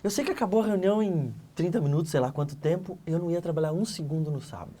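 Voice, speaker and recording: Quick, animated man telling his story. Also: on the high side. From Santa Catarina, Brazil. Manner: lively storyteller, acts out dialogue, swings between loud and hushed. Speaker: interview guest. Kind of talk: animated personal testimony.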